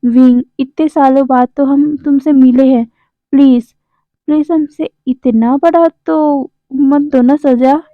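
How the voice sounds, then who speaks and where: A devoted young man begging not to be pushed away, as a woman reads him. The voice is high and pleading. The recording is dry and slightly dull. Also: fairly even intonation, slow, dry recording.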